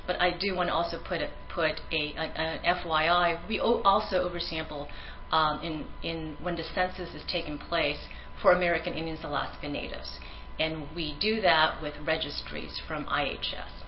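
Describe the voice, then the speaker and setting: A researcher whose first language is Tagalog gives an earnest conference presentation, with frequent ums and restarts. Her voice is fairly low, and the recording is muffled with a slight hiss or hum.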